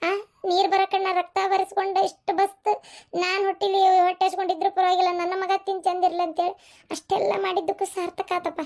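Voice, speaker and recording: A woman voicing a sharp-tongued older village mother-in-law in a cartoon family comedy, with a North Karnataka Kannada accent and a blunt, scolding way of talking. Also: very high-pitched, little pitch movement, fast. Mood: sarcastic.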